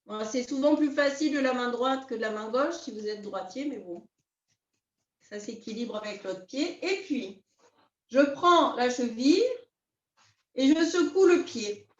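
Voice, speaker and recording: A woman teaching a beginners' qi gong class, calmly guiding her students step by step. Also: on the high side. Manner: calm, unhurried, step-by-step guidance. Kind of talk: guided class instruction. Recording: roomy, distant, dull sound.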